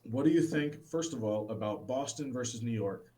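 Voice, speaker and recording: A man co-hosting a casual sports podcast, talking with lots of fillers and restarts and getting excited about baseball. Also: mid-range voice, normal speed. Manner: rambling, many fillers and restarts. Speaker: podcast co-host.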